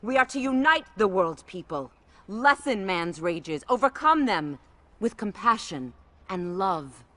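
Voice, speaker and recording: A woman's voice: medium pitch, very animated, measured pace, bright, forceful tone. A woman playing a proud, righteous Amazon warrior princess in a game cutscene, speaking formally and imperiously. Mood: rousing, commanding. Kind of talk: dramatic video game cutscene acting. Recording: music behind the voice.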